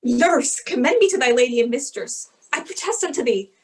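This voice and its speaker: A woman's voice: high voice, animated, normal speed, a little mellow, breathy edge. A woman reading the part of an earnest young male lover in an amateur Shakespeare reading.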